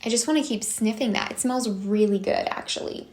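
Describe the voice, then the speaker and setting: A woman's voice: fairly high pitch, fairly quick, a little mellow, roomy sound. A young woman in her twenties chatting enthusiastically to viewers in a casual haul vlog. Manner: enthusiastic, bubbly, gushing. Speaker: beauty vlogger.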